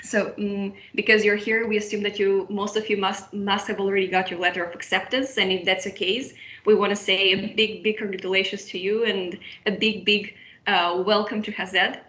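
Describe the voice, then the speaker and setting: Over a roomy, dull video call, a young Moldovan moderator guides a student webinar. She is friendly but restarts and repeats phrases often, with a mid-range, slightly bright voice that barely moves in pitch at a normal speed.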